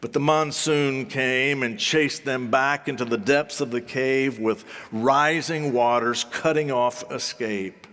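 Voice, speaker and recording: A man preaching a sermon in deliberate, solemn phrases, with rhetorical repetition and dramatic pauses. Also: medium pitch, a bit bright. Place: large reverberant hall or sanctuary. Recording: long hall reverberation.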